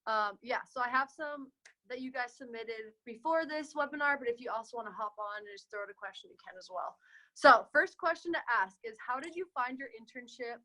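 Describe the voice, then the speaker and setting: A woman's voice: a little high, pushed and bright, low-quality recording. A young woman moderating a casual student webinar over a video call, upbeat and chatty. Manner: upbeat, chatty, quick transitions.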